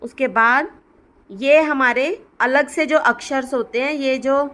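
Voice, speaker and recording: High, bright-voiced woman teaching slowly. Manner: calls out letter names one by one, drawn out; explains patiently, addressing viewers as guys. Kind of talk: slow spoken alphabet lesson.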